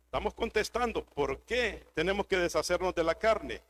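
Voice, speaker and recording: A pastor preaching a sermon, driving points home with emphatic repetition. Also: male voice, sits high, lively intonation, normal speed, a bit bright.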